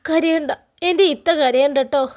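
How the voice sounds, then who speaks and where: Woman doing a sweet comforting girl, soft and gentle, malappuram accent. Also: high-pitched, fairly even intonation, normal speed, natural voice. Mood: soothing. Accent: Malappuram Malayalam. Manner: soothing, gentle. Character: gentle young sister-in-law, comforting.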